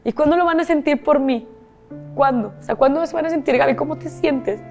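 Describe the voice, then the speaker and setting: A woman's voice: sits high, brisk, darkish tone, faint music behind. A woman from Monterrey with a Mexican accent, a guest telling her life story candidly, repeating herself and swearing casually. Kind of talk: emotional personal storytelling.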